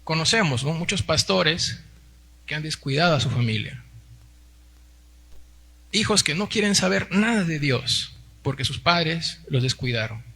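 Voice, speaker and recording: He preaches at a measured pace with frequent pauses, his voice on the high side, animated, gravelly and sharp with a breathy edge. The speaker is a Peruvian pastor in his forties giving a Sunday sermon in Peruvian Spanish, calling listeners brothers and peppering his lines with tag questions.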